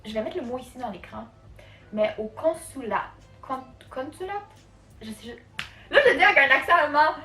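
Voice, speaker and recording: A woman's voice: on the high side, pushed and bright. A woman from Canada with a Quebec French accent, telling a casual storytime in a chatty way, full of fillers. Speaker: vlogger. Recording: echoey room, faint music.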